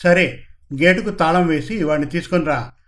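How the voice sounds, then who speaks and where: Arrogant scheming boss, commanding tone; male narrator doubles the part, slightly high-pitched voice. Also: normal speed, fairly bright tone, natural voice. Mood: bossy. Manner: commanding, bossy.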